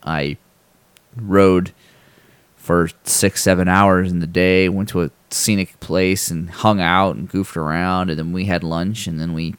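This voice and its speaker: Low-voiced man telling a rambling story. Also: measured pace, clean tone, dry recording. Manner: relaxed and rambling, with many fillers and restarts; acts out people's lines in a raised voice when telling stories. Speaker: podcast host. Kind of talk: casual chat, storytelling.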